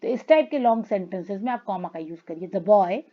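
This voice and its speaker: A woman teacher explaining a grammar lesson in a classroom style, calling her students children and reading examples slowly. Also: medium pitch, animated, muffled recording. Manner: addresses students as children, reads English lines slowly.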